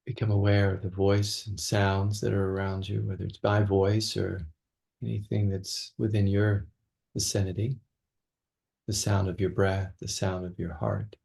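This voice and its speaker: A man with a gravelly, lowish voice and level tone guides listeners through meditation as their teacher. He speaks slowly and gently, pausing at length between phrases.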